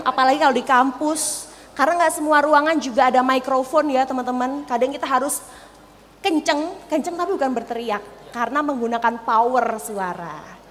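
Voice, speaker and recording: A young woman with an East Javanese accent giving a lively, playful public speaking workshop, laughing often and demonstrating voice techniques. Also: on the high side. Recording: reverberant hall, faint noise.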